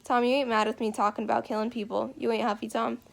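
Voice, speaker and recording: A woman's voice: on the high side, little pitch movement, quick pace, creaky. A woman reading the lines of a lonely, bitter middle-aged farmer man who rambles in a drawling rural dialect. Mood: apologetic.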